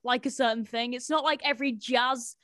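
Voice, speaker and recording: A woman's voice: fairly high pitch, fairly even intonation, a little fast, bright, forceful tone, no echo, studio quality. A woman hosting an interview show, talking in a casual, informal and slangy way.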